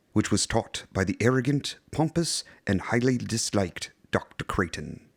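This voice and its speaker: A man playing a genteel horror anthology host, narrating scripted tales in a measured, theatrical, vintage style. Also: fairly low pitch, dry recording, studio quality.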